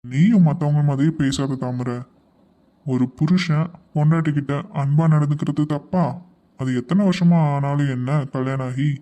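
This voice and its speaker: A man voicing a soft-spoken, affectionate husband who misses his late wife, in a cartoon. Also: a little high, normal speed, close to an everyday voice.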